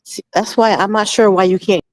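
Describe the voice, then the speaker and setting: A woman's voice: mid-range voice, steady tone, fairly quick, no echo. A woman calling into a livestream over choppy call audio that breaks up, giving brief, puzzled replies. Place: in a bookstore.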